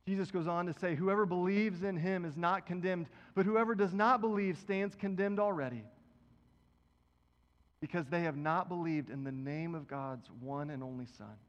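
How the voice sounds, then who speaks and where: A man's voice: high voice, normal speed. A man preaching a sermon, reading scripture aloud and talking to the congregation in a casual way. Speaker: pastor. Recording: dull, reverberant hall.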